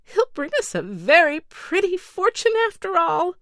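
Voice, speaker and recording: A woman's voice: extremely high pitch, very animated, moderate pace, fairly bright tone, dry recording, studio quality, pitched above the performer's own voice, exaggerated voice. A woman voicing a greedy male courtier who whispers schemingly to a comrade.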